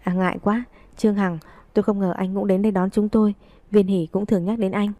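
A woman's voice: medium pitch, flat delivery, brisk, dark tone, no echo, close to an everyday voice. A woman reading the lines of a polite, courteous young man in an audiobook, with a friendly manner.

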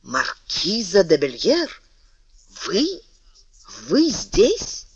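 An ardent, lovesick nobleman, read by a male storyteller, pleads with fervent devotion. His voice sits fairly high and moves animatedly. The recording is dull and dry. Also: huge pitch swings, drawn-out words, slightly rough, no room sound, exaggerated voice. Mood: pleading.

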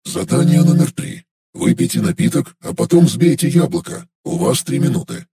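A man's voice: fairly high pitch, big pitch swings, moderate pace, vocal fry, crowd noise. A man narrating an audiobook and voicing an impersonal game system that announces tasks formally.

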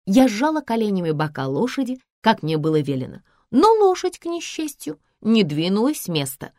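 A woman reads a first-person audiobook in a wry, conversational way. Her pitch moves in a lively, animated line, and the recording is dry and close. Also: normal speed, no echo. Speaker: audiobook reader.

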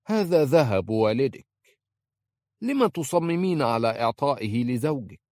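A man's voice: medium pitch, sing-song, normal speed, a little mellow, no echo, pitched above the performer's own voice, close to an everyday voice. A man playing a weary, despairing old uncle. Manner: despairing, reproachful.

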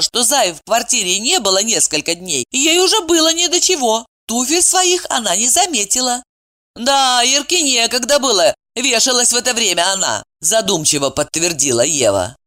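A woman narrating an audiobook in a brisk, expressive reading. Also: mid-range voice.

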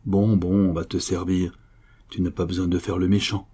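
Man doing a gruff revolutionary innkeeper. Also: low-pitched, level tone, moderate pace, warm tone. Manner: gruff, mocking.

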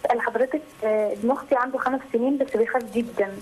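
Woman caller from egypt, hesitant, very fast speech, fairly high voice, over the phone. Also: fairly even intonation, darkish tone, a little hiss or hum, poor audio. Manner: hesitant, fills gaps with "aah". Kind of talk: phone call-in question.

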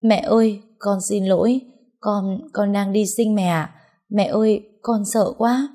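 A woman's voice: lowish voice, moderate pace, warm tone, lightly acted. A woman voicing a frightened young pregnant woman in labor, speaking weakly and tearfully. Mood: crying. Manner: weak, tearful.

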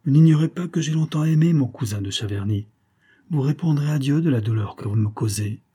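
A man's voice: mid-range voice, steady tone, normal speed, mellow, slightly rough, voice pushed up, natural voice. A man reading an audiobook, voicing a timid, grieving young noblewoman who pleads tremulously. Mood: pleading.

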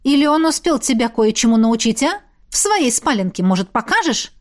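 A woman's voice: fairly high pitch, big pitch swings, brisk. Woman voicing a jealous young shapeshifter man. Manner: gruff, sulky, needling. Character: jealous hot-tempered young male shapeshifter. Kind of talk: audiobook character reading.

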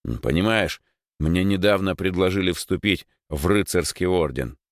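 A bashful, flustered schoolboy who answers haltingly and grows alarmed easily, voiced by a man reading the story. His lines jump in pitch as he frets. The sound is dry and close to the mic. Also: lively intonation, no echo. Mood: shy. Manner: hesitant, flustered. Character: schoolboy Dimych, shy, flustered dreamer. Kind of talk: audiobook character voice.

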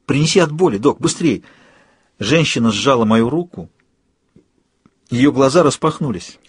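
A man narrating an audiobook in the first person with expressive, lively storytelling. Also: mid-range voice, slightly rough, no room sound, clean studio sound.

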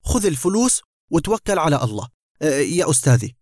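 A self-important male academic, voiced by a man narrating a story, stiff and high-minded, who turns to frightened pleading. The voice runs somewhat high and close to the mic. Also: sing-song, fast, darkish tone, no echo. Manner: pompous, then pleading.

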